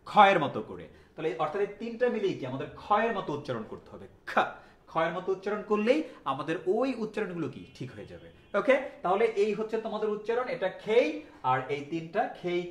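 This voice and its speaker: A man from Bangladesh teaches a class, with a voice that sits high for a man. He drills sounds over and over and keeps quizzing his students. The room is echoey. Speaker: English teacher. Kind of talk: classroom lesson.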